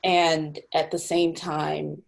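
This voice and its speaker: A low-pitched woman with a heavily gravelly, husky voice, from Cameroon, speaking on a video call. She is a young nonprofit director who talks thoughtfully, pausing with fillers and restarting her sentences. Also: level tone. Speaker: executive director of a housing nonprofit.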